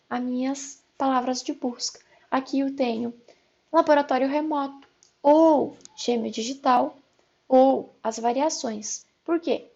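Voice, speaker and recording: A woman's voice: high voice, creaky, a little mellow, lo-fi sound. A Brazilian woman teaching an online lecture, chatty and tagging "né?" onto her sentences, sometimes reading slide text aloud. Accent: Brazilian Portuguese. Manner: chatty, repeats "né?" constantly; reads screen text aloud to demonstrate. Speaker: university lecturer.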